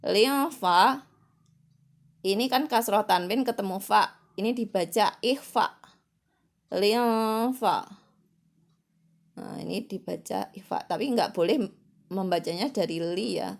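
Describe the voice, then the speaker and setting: A woman's voice: mid-range voice, normal speed, gravelly. A woman teaching children to read the Quran, giving a patient lesson and stretching syllables out one by one to demonstrate them.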